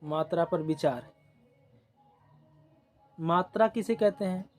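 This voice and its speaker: A male exam-coaching teacher speaks very slowly in a somewhat high voice. He goes over every rule twice and checks in with the class through short prompts. Faint music plays underneath. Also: a little mellow. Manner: repeats definitions slowly, checks in with "ok", "theek".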